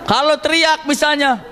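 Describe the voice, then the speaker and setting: A man preaching by lively storytelling to mothers, animated and jokey, into a microphone. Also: very high voice, slight background noise. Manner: animated, jokey, acts out scenes. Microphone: handheld microphone.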